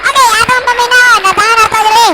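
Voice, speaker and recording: A woman co-hosting an online variety show, giving playful, giggly shout-outs and raffle announcements. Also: very high-pitched, flat delivery, quick pace. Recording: loud background music.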